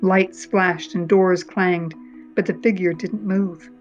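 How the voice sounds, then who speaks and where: A woman's voice: fairly low pitch, fairly even intonation, slow, soft background music. A woman narrating a children's storybook aloud, dramatically voicing the sound-effect words. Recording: dull, muffled reading recording.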